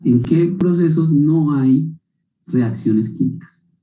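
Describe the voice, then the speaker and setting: A man's voice: a little high, slow pace, warm tone. A man teaching a university class who keeps checking in with his students and asking them questions. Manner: questions students, tags statements with "¿no?". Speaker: university lecturer. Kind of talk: university lecture. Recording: roomy, distant mic.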